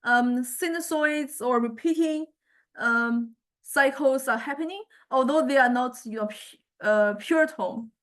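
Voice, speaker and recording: A woman with a fairly high voice gives an informal software demo in lecture style. Her explanation comes out tentatively as she muses aloud and reaches for her words.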